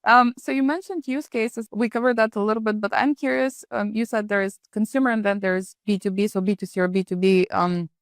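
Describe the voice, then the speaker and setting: A woman's voice: medium pitch, fairly even intonation, fairly quick, few pauses, no echo, clean studio sound. A woman from Bulgaria interviewing a guest in a conversational, curious way with some fillers. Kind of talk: business interview.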